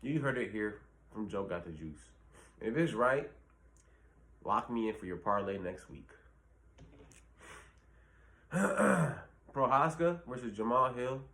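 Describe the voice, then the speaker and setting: A man's voice: mid-range voice, lively intonation, slow, pauses often, fairly bright tone. A man hosting his own channel, giving blunt, profane fight predictions in a rambling casual talk full of fillers. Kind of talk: casual solo commentary.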